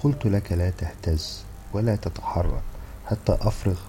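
A man's voice: sits low, normal speed, mellow, soft background music, close to an everyday voice. A man reading the part of a fussy, exasperated husband who scolds and brushes things off. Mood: scolding. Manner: scolding, dismissive.

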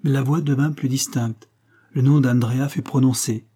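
A man reading a classic novel aloud, in a measured, solemn narration. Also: medium pitch, steady tone, dark tone, breathy edge. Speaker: audiobook reader. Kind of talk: scripted narration of a 19th-century novel.

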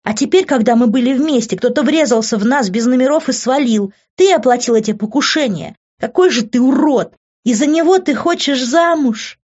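A woman voicing a fiery young woman who shouts in anger with her voice breaking. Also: high-pitched, normal speed, few pauses, muffled recording, pitched above the performer's own voice. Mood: furious.

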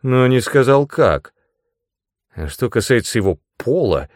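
A man's voice: mid-range voice, big pitch swings, measured pace, no echo, studio quality, voice pushed up. A man voicing a nervous, suspicious young male guide in an audiobook, hesitant and stammering. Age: young adult.

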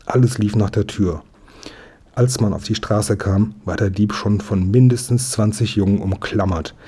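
A man narrating a storybook in a steady, expressive reading. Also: on the low side, moderate pace, breathy edge. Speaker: audiobook narrator.

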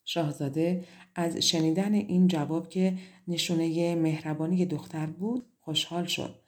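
A woman with a somewhat low voice reads a fairy tale aloud. Her storytelling is measured and expressive, as in a scripted audiobook. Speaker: audiobook narrator.

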